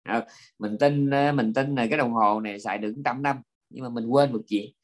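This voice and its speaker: A man, a Buddhist monk giving an informal dharma talk, lively and full of fillers and repeated words. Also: medium pitch, fairly quick. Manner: lively storytelling with frequent fillers and repetitions.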